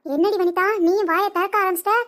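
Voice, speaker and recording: A woman's voice: very high voice, steady tone, quick pace, fairly bright tone. A woman voicing a scolding, nagging older mother-in-law in a cartoon comedy.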